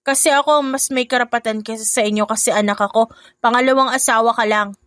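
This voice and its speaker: Woman doing a calm, firm young stepdaughter. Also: fairly high pitch, fast talker, dry recording, studio quality, natural voice. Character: young stepdaughter, calm, polite, newly brave.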